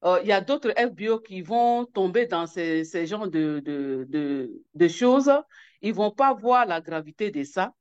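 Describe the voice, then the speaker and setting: A woman's voice: fairly low pitch, lively intonation, unhurried, a little mellow, clean tone, highs cut off. A woman giving an emotional personal testimony as a network coordinator, hesitant, with many restarts and repeated words. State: emotional, near tears.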